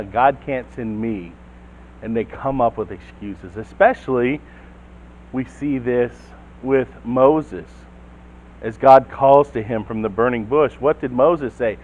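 A man's voice: medium pitch, slow pace, narrow, tinny audio. A man preaching a sermon as the church's pastor, telling a Bible story and putting questions to the congregation. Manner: storytelling, acts out quotes, asks the listeners questions.

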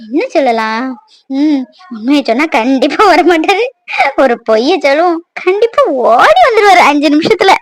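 A young woman voicing a playful, lovesick village girl in a cartoon, teasing and coaxing, quick to sulk. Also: sits high, lively intonation, no echo. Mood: scheming. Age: young adult. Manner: teasing, coaxing, sulks easily.

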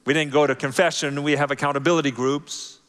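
Guy preaching in a big church, kinda high voice, lively then goes all quiet, long echo. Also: quick pace, clean tone. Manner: animated, conversational preaching with sudden soft drops. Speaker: pastor. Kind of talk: sermon. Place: large church auditorium. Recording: long church hall reverb.

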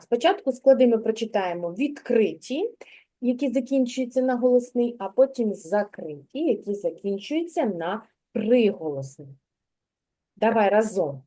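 A woman's voice: a little high, mellow. A woman kindergarten teacher giving a patient, encouraging one-on-one reading lesson to a young child, prompting step by step.

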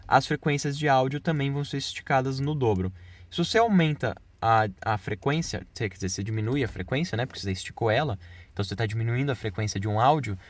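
A man's voice: medium pitch, no echo. A man explaining video editing step by step in a casual screen-recorded tutorial.

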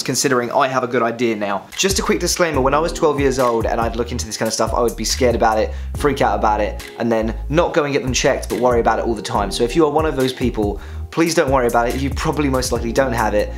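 A young man chats through a vlog with a mid-pitched, slightly strained voice, acting out the people in his story and laughing now and then. Soft music sits faintly underneath. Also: fast talker. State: voice strained by vocal nodules. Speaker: singer and vlogger.

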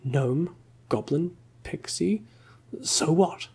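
A man voicing an exasperated, cowardly male wizard in a hushed whispered role-play with a gravelly, husky voice. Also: on the high side, extremely slow, exaggerated voice.

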